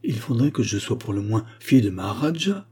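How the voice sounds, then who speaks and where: A man's voice: medium pitch, sing-song, a little fast, darkish tone, slightly rough. A man voicing a shy, hesitant young widowed mother in a romance story read aloud. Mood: bashful. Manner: hesitant, modest.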